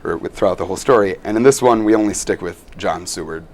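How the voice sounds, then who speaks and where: Low gravelly young guy rambling earnestly about his stage role, lots of ums. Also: fast, a little mellow. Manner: rambling, earnest, many fillers. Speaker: student actor interviewed. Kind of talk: casual interview answers.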